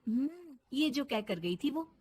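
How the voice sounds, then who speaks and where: A woman voicing a meek, giggly young daughter-in-law in a cartoon story, with a high childlike voice. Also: very animated, a little slow, a little mellow. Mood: worried.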